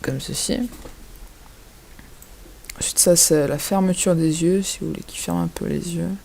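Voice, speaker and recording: A man giving a casual, hesitant software tutorial over a screen recording, filling his pauses with little interjections. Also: a little high, vocal fry. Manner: hesitant, chatty, fills pauses with "hop" and "voilà".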